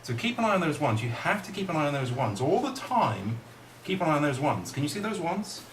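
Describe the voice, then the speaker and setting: A man's voice: on the high side, very animated, fairly quick. Roomy, playful middle-aged man, kids' party magician. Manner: playful kids party magician, coaxing the audience with questions. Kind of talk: live kids' magic show patter. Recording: roomy, distant mic, faint noise.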